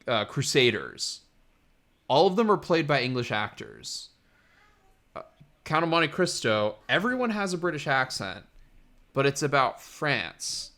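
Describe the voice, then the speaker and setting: A man's voice: medium pitch, fairly bright tone. A man co-hosting a podcast, reading out episode summaries and rambling through his points with many restarts. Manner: rambling, self-correcting, reads summaries aloud. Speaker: podcast co-host. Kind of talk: casual chat, recapping episodes.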